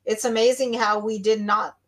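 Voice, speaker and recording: A woman's voice: on the high side, flat delivery, moderate pace. Casting: middle-aged woman, co-host, tired and yawning, rambling easy chat. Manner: rambling, with many restarts and fillers. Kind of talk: casual chat.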